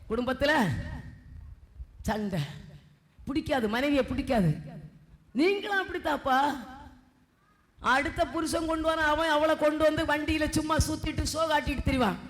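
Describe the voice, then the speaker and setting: A woman's voice: sits high, normal speed, long pauses. A woman preacher, delivering a sermon and scolding the congregation with rhetorical questions. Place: church hall. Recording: long hall reverb.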